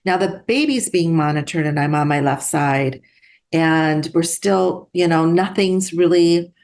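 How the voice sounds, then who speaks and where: A middle-aged woman, a guest, telling a personal story in an earnest, halting way with restarts. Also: on the low side, darkish tone.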